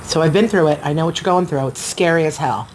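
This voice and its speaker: A woman's voice: sits low, quick pace, a little mellow. A middle-aged woman from Florida chatting casually while eating on camera outdoors at her home, rambling between bites. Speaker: mukbang vlogger. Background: faint outdoor ambience, construction noise.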